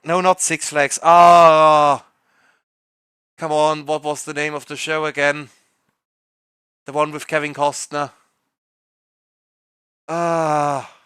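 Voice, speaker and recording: Bright, crisp-voiced man running a tabletop game. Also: a little high, level tone, moderate pace, no room sound. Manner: loud, swearing, stumbling over words. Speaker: game master. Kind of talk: casual planning chat for a tabletop game.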